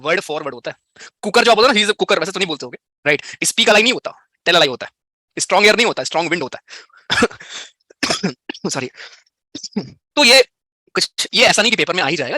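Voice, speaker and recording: Fast, bright-voiced Indian grammar teacher. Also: male voice, a little high, dry recording, clean studio sound. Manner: chatty, explains in Hindi with English terms, answers students' chat questions. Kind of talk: live online class explanation.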